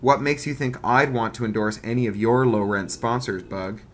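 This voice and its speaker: A man voicing a hostile, dim-witted schoolboy bully who taunts and shouts. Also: mid-range voice, fairly even intonation, normal speed, a little hiss or hum, natural voice. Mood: greedy.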